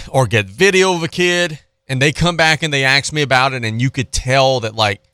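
A man's voice: medium pitch, bright, forceful tone, no echo, clean studio sound. A man with a Louisiana accent hosting a local sports radio show, telling a story in an earnest, casual way.

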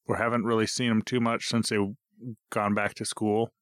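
A man's voice: fairly low pitch, level tone, moderate pace, fairly bright tone, no room sound, clean studio sound. A man in his thirties co-hosting a podcast, chatting casually in a rambling, jokey way that often interrupts itself. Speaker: podcast co-host. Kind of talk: casual chat. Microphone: podcast recorder.

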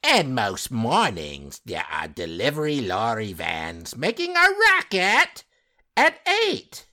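A man reading aloud slowly in a put-on British accent. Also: medium pitch, wildly swooping pitch, bright, forceful tone, exaggerated voice. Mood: mock-prim.

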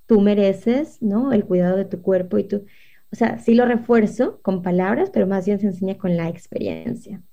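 A woman's voice: medium pitch, moderate pace, warm tone. A woman, earnestly explaining parenting as a guest and often checking in with her listeners. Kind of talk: conversational explaining on a podcast.

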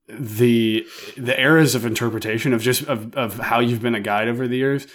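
A man acting as interviewer, chatting casually and putting questions, recorded in an attic room. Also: medium pitch. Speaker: interviewer and house guide. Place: in an attic room of an old house.

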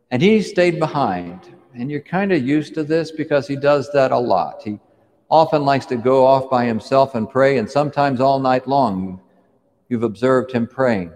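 A man's voice: medium pitch, a little mellow, in a large hall. A man preaching, retelling a scripture story vividly in the second person and drawing the listener into the scene. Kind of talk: dramatic sermon storytelling.

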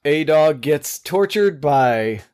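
A man's voice: fairly high pitch, animated, slow pace, a little mellow. A man co-hosting a podcast, making dry, wry remarks in casual banter. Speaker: podcast co-host.

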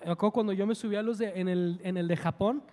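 A man preaching a sermon, telling a story with emphasis and building to loud passion. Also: high voice, fairly even intonation, fast, big-room sound.

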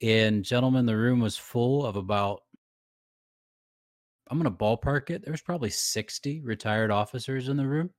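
A man co-hosting a podcast, telling a story in lively casual chat and laughing often. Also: medium pitch, normal speed, dry recording, clean studio sound. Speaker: podcast co-host.

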